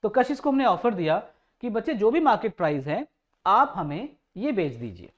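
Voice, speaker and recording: Warm-mannered male coaching teacher. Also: high-pitched, sing-song, moderate pace, muffled recording. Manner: affectionate, calls students "beta", repeats points, quizzes the class. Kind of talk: classroom lecture. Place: coaching classroom.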